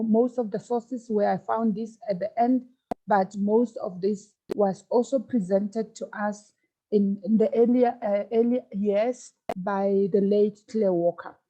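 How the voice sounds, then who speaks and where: A woman giving a formal presentation over a video call, her voice slightly hoarse, polite and measured. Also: mid-range voice, steady tone, dark tone, lo-fi sound. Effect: speaking over a video call. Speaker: guest speaker.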